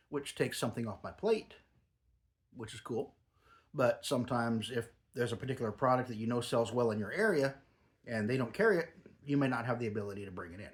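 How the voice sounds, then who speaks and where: A middle-aged or older man chatting casually and rambling like a home reviewer, talking with a lip full of dip. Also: mid-range voice. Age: middle-aged or older, a grandfather. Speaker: product reviewer.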